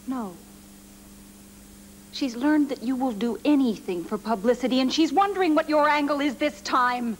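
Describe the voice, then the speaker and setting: A woman's voice: high voice, normal speed, slight background noise, close to an everyday voice. An actress playing a poised, middle-aged society woman who answers reproachfully and defensively in a 1980s TV drama. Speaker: actress in a TV miniseries.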